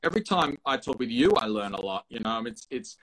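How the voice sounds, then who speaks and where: A man's voice: medium pitch, sing-song, a little fast, fairly bright tone, low-quality recording. A man hosting a casual chat show, asking long, rambling questions full of restarts and effusive praise. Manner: rambling, effusive, stumbling over words. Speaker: show host.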